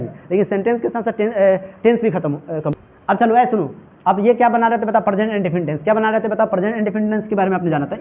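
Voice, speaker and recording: High, fast-talking man teaching grammar. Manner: call-and-response drilling, repeating questions to students. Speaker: English teacher. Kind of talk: classroom grammar lesson. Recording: tinny phone-like recording.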